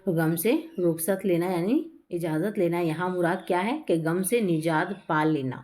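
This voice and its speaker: A woman with a fairly low voice and explains a poem line by line, like a teacher talking to a class. She often checks in with "hai na" and repeats key phrases to make them stick. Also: moderate pace, a little mellow. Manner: frequent "hai na" tag questions, repeats each line.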